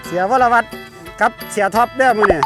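A man's voice: sits high, fast talker, music in the background. Exclamatory Isan man narrating a fishing outing. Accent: Northeastern Thai (Isan). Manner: exclamatory, repeats words. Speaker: fishing vlog host. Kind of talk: casual running commentary to viewers. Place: outdoors at a rural pond.

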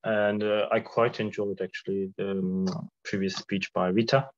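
Man, unwell, academic talk, measured with uhs, low pitch, dull call audio. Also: little pitch movement. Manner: careful, measured delivery with fillers. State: sick. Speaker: guest lecturer. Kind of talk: academic presentation. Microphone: video call.

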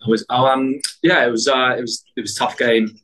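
A soccer player giving hesitant post-match answers to the press, full of fillers and restarts. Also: male voice, medium pitch, fairly even intonation, fairly quick, fairly bright tone, low-quality recording.

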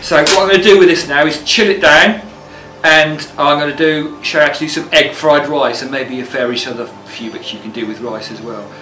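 Speaking a little fast in a pushed, bright, high-leaning voice, a middle-aged chef and cookery teacher walks through a casual cooking demonstration. He is indoors in a commercial kitchen with steel surfaces, captured from a distance with slight background noise. The off-mic recording feels roomy and has music in it.

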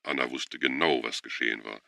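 Man, audiobook narrator, very low voice, gravelly fry, bright crisp tone, steady measured reading, dry close mic. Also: no room sound. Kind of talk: scripted narration.

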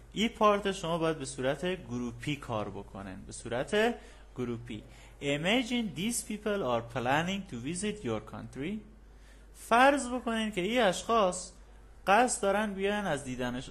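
A man teaching an English textbook lesson, reading the English lines slowly and deliberately, then explaining them in quick, casual Persian with an Afghan Dari accent and frequent fillers. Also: a little high, sing-song, fairly bright tone.

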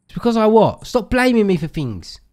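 A man's voice: high-pitched, big pitch swings, moderate pace, a little mellow. A man hosting a co-op game video, teasing and joking with his partner. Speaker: gaming channel host. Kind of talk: playful gaming banter.

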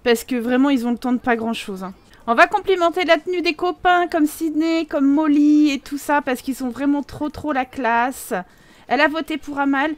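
A young woman giving chatty, excitable commentary while playing a life simulation game, laughing often and exclaiming. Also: high-pitched, normal speed, dry recording. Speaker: gaming video host. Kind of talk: casual Let's Play commentary.

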